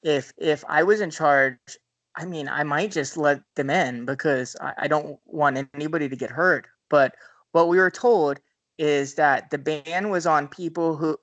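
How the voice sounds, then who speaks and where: A man's voice: a little high, a bit bright, no echo. A man appearing as a podcast guest, talking bluntly in a casual political discussion over a video call and often cutting in. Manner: blunt, interjecting.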